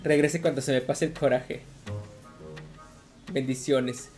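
A woman's voice: a bass voice, fairly even intonation, slow, a little mellow, faint music behind. A woman with a Mexican accent giving casual, profane commentary while playing a video game, repeating herself as she rants. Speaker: gaming streamer.

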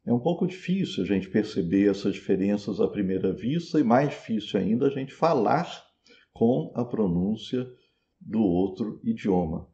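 A man's voice: lowish voice, expressive, normal speed, dark tone, highs cut off. A man with a Brazilian Portuguese accent, teaching a pronunciation lesson patiently and repeating words to model them. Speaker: Sanskrit teacher. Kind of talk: slow explanatory lesson.

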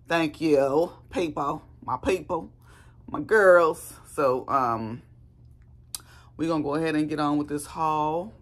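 Hoarse, chatty woman vlogger. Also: extremely low pitch. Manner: chatty and rambling. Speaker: YouTuber. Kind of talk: casual haul vlog.

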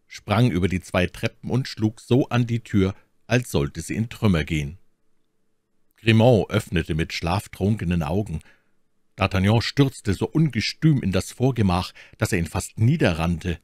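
Deep-voiced man reading an audiobook. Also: expressive, a little mellow, no echo, clean studio sound. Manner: measured storytelling with acted voices. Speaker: audiobook reader. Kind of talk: audiobook narration of a classic novel.

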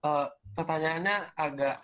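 A male university student asks a question in class, hedging politely and filling pauses with hesitant sounds. His voice sits a little higher than average for a man. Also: fairly bright tone. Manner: hesitant, polite, many fillers.

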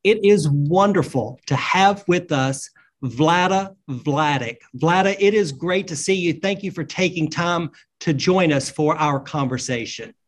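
A man's voice: fairly high pitch, measured pace. Polished male TV host. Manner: polished, announcer-like. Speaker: TV program host. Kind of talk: scripted studio interview. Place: TV studio.

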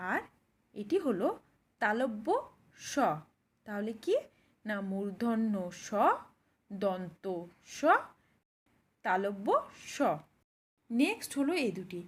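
A woman with a fairly high voice that rises and falls a lot teaches pronunciation. She explains each sound patiently and demonstrates it slowly. She speaks straight to the learner, as if sitting beside them. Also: a little mellow, slightly rough.

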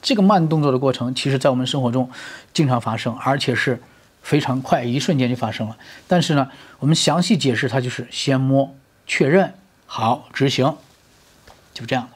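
A man with a medium-pitched, slightly rough voice gives an electric guitar lesson at a fairly quick pace. Guitar can be heard behind him as he explains each step with everyday comparisons, often pausing to check "right?" with his learner.

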